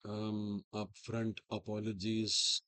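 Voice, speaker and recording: A man with an Indian accent and a sore, swollen-sounding throat gives informal trading commentary in halting, deliberate short phrases, his voice strained and limited in volume. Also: lowish voice, flat delivery, bright, forceful tone, no echo. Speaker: market analyst host.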